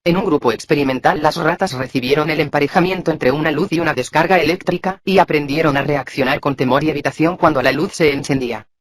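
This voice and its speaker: A man reading a psychology lesson aloud in a steady scripted way, sounding out abbreviations letter by letter. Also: a little high, fast talker, few pauses. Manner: even, flat reading that voices abbreviations letter by letter. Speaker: textbook reader.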